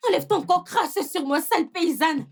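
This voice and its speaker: An actress playing a haughty, jealous young fiancée who insults and threatens, in a dubbed film drama. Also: female voice, moderate pace. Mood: furious. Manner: insulting, shrill and contemptuous.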